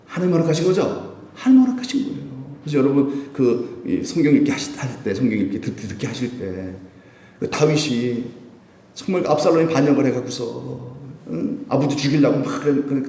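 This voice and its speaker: A middle-aged male pastor preaching a sermon at a midweek prayer service, lively and playful, acting out voices and laughing as he speaks. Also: mid-range voice, moderate pace, reverberant. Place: church sanctuary.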